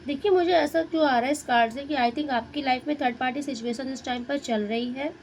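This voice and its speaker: High-voiced woman giving a tarot reading. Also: a little fast, a little mellow, slight background noise, poor audio. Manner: Hindi-English mix, addresses viewer directly, muses over cards. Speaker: tarot reader.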